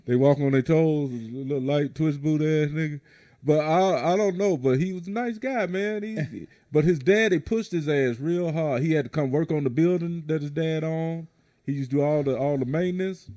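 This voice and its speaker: A middle-aged man hosting a podcast, telling profane, animated stories in casual banter. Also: on the high side, moderate pace. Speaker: podcast host.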